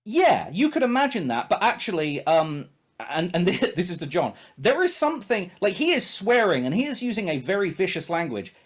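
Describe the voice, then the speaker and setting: A man narrates a tabletop role-playing game as game master. His voice sits a little high and swings widely in pitch. He improvises casually and emphatically, swearing as he goes. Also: very animated, moderate pace.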